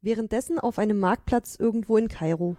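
A woman reading scripted narration calmly. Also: medium pitch, brisk, noisy background.

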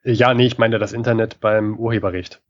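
Low-pitched man reacting on a lo-fi call. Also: fairly even intonation, a little fast. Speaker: podcast co-host. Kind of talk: casual podcast banter.

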